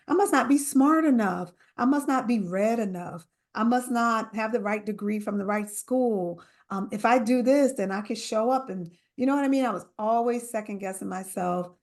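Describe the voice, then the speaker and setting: A middle-aged woman from New Jersey, an author speaking earnestly and emphatically in an interview. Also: medium pitch. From New Jersey, USA. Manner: earnest, emphatic, quotes others in animated voices. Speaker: author guest. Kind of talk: interview conversation.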